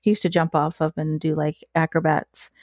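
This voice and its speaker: A woman's voice: low-pitched, flat delivery, a little mellow, dry recording. Woman, former zookeeper, casual podcast chat, profane, laughs often, stop-start phrasing, dry close sound. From Florida. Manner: blunt and profane, with halting restarts and frequent laughter.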